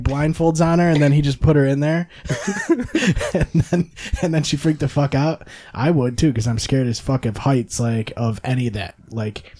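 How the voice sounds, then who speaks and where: A man in casual podcast chat who laughs often, swears freely and tells stories with energy. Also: mid-range voice. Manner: laughing, swearing, animated storytelling.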